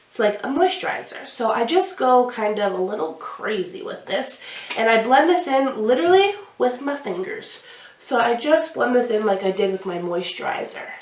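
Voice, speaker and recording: Very animated and fairly high-pitched, a young woman with a cold talks at normal speed through a makeup tutorial, chattily explaining every step of applying products. It's a small indoor room with a glittery backdrop, and the sound is roomy, the mic somewhat distant.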